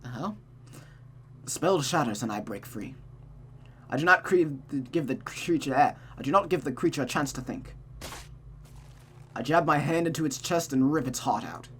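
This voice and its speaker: This is a streamer narrating a visual novel expressively, adding casual comments between dramatic passages. Pitch is medium and pace moderate, with long pauses and slight background noise; misread sentences are often begun again.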